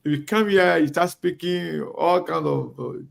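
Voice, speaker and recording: A middle-aged Liberian man who hosts an online talk show delivers an impassioned monologue in Liberian English, emphatic and repetitive with a preacher-like cadence. His voice is fairly high, a little slow, and creaky.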